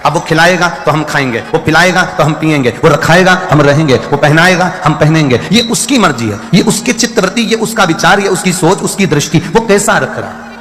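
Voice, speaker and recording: A man giving a devotional sermon, repeating exhortations and breaking into slow chanted verses. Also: on the high side, lively intonation, fairly bright tone. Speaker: kathavachak preacher. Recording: echoey hall, distant, faint music.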